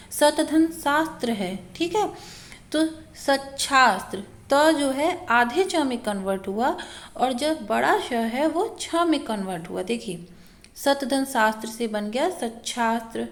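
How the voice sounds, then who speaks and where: Female tutor, slightly high voice, slow deliberate delivery, patient question-and-answer teaching style. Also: expressive. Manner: frequent check-ins of "ठीक है". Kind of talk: exam prep grammar lesson.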